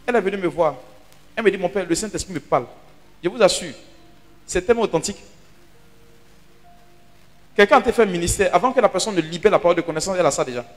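Animated high-voiced priest preaching. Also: male voice. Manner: animated storyteller, dramatic drops to hushed asides. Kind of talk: sermon teaching. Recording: hall reverb with faint music.

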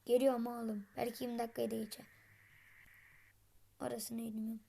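A woman host giving gameplay commentary, taunting her opponents and breaking into frustrated shouts. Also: flat delivery, fairly quick, vocal fry, a little hiss or hum. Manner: trash-talking, taunting opponents; bursts into frustrated high shouts. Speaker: gaming channel host.

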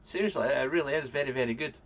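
A man in his thirties with a Fife accent from Scotland hosts a casual livestream in a medium-pitched voice. He rambles and halts as he reads out chat comments and answers them with dry humour. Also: highs cut off, slight background noise. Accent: Scottish, from Fife. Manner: rambling, halting, dryly joking. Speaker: livestream vlog host. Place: small cluttered home room, indoors.

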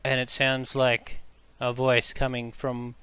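A man narrating scenes as game master of a tabletop game, describing things with frequent pauses. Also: medium pitch, completely flat delivery, pushed and bright, clear, resonant tone, dry recording. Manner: descriptive, hesitant with fillers.

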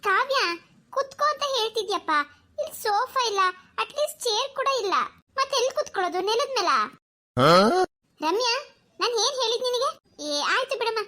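A bratty younger sister in a cartoon, mocking and whining in a very high, squeaky voice that a woman puts on. Her tone is bright and sharp, and she sounds sassy and spoiled. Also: brisk. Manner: mocking, whiny. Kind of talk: cartoon voice acting.

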